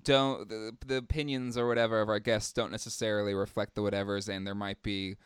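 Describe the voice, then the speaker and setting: Smooth-voiced man co-hosting a podcast. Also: lowish voice, flat delivery, fairly quick, dry recording, clean studio sound. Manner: rambling, filler-heavy, laughs often. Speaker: podcast co-host. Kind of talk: casual podcast chat.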